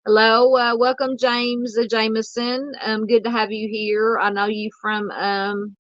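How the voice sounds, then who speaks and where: A woman from the American South hosting a true crime livestream, talking casually and haltingly with lots of ums and uhs while she reads chat. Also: mid-range voice, level tone, dry recording, highs cut off.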